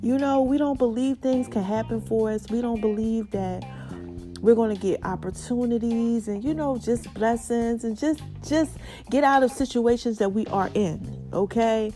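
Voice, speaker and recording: A woman podcast host giving a casual, excited motivational monologue, with a slight lisp and mouthful-sounding speech from stitches after mouth surgery. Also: on the high side, normal speed, soft background music. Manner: excited, folksy, repeats phrases for emphasis.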